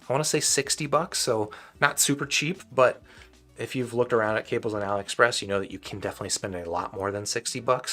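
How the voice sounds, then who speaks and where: This live stream host answers viewer queries about audio gear casually and wanders a lot, often restarting his thoughts. His voice is on the low side and a bit bright, and over time it becomes dry and tired.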